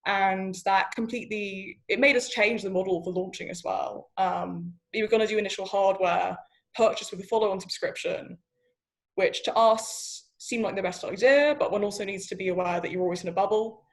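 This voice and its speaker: A woman's voice: medium pitch, moderate pace. A woman startup founder giving candid, chatty interview answers, full of fillers.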